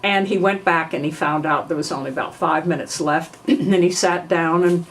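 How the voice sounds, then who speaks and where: An older woman from New York recalls her past in a relaxed oral-history style. Her voice sits somewhat low, and she pauses now and then to clear her throat. A faint hiss runs underneath. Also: low-quality recording. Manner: frequent throat clearing, unhurried storytelling. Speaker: family memoir narrator.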